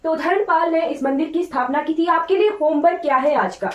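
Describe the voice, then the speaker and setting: A brisk, very high female voice comes through a muffled recording with a roomy echo and a distant microphone. She is an Indian teacher giving an informal online class lecture with English terms mixed in, instructively repeating points and frequently checking in with "right?". Her voice is slightly off today.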